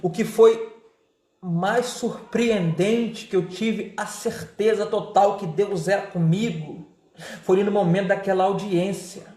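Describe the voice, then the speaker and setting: A man's voice: high voice, fairly even intonation, unhurried, dark tone, reverberant. A man with a Brazilian Portuguese accent giving a fervent evangelical testimony, repeating his phrases in a preacherly way. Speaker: testimony speaker.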